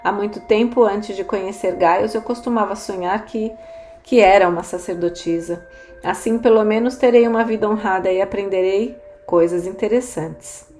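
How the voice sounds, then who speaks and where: Wistful young girl, resigned, read by a woman, mellow tone, roomy echo. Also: mid-range voice, moderate pace, close to an everyday voice. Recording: roomy echo, faint music.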